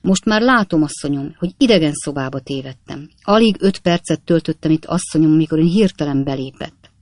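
A male reader playing a flustered, overly polite elderly gentleman who stammers and apologizes earnestly. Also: fairly high pitch, animated, dry recording. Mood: apologetic.

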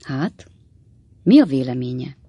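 A reader doing a kindly old gentleman lodger. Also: mid-range voice, sing-song, breathy edge, no echo. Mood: earnest.

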